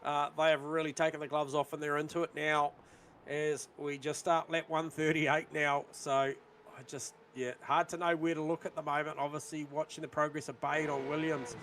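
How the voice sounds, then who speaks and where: A man's voice: on the high side, background noise. Man calling sim race laps. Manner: rapid lap-time calls, rising excitement at overtakes. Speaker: sim racing commentator. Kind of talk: live race commentary.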